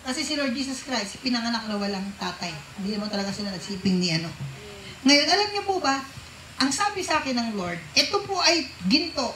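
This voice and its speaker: A woman preaches to a congregation in a church hall, her high voice animated, fairly quick, bright and forceful. She often asks them questions and mixes English phrases into her talk. The hall is echoey, with slight background noise.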